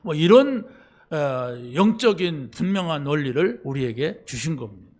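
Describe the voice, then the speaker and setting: A man preaching a sermon to his congregation, acting out quoted lines with sudden loud outbursts and tossing short questions to the listeners. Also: on the high side, big pitch swings, unhurried. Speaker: pastor.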